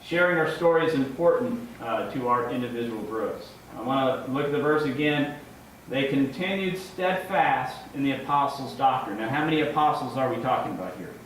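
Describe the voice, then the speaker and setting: A man giving an informal, conversational sermon as a lay preacher, in a halting way with repeated words and checking tags. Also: mid-range voice. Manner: ends points with checking tags like "right?" and "okay?". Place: large echoing indoor room, before a congregation. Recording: very echoey room, distant mic, faint noise.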